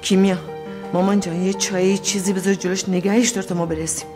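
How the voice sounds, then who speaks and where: A woman's voice: mid-range voice, level tone, lightly acted. Actress as a steadying woman over drama music. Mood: brisk. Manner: soothing, brisk. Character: calming woman on the phone, steadying a distraught mother. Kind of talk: TV drama dialogue. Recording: drama score under the dialogue.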